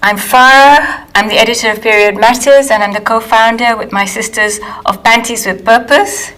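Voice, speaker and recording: A woman from Kenya, an author and editor speaking in a measured, careful way during a recorded interview with retakes. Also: on the high side, fairly even intonation, a bit bright. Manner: measured, careful, restarts lines.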